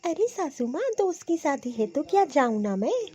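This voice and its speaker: A woman's voice: high-pitched, big pitch swings, normal speed, mellow. A woman voicing a headstrong young married woman in a cartoon, indignant and sulky. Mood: pleading. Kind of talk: cartoon voice acting.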